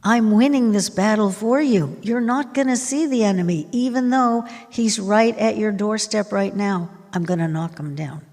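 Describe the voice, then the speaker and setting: A woman's voice: mid-range voice, normal speed, hardly any pauses, a little mellow, big-room sound, natural voice. A woman voicing a firm male prophet who reassures a frightened crowd in emphatic, confident lines.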